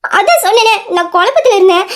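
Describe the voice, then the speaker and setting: A woman's voice: very high voice, lively intonation, fast. A woman voicing a young wife in an audio drama, pleading with her angry husband and then taunting him. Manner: pleading, defiant. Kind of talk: Tamil audio drama acting.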